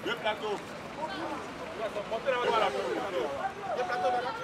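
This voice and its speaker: Actor as street hawker; repetitive calling; distant, loud street crowd. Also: male voice, extremely high pitch, fairly even intonation, a little slow, reverberant. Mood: hawking. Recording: far off on a noisy street.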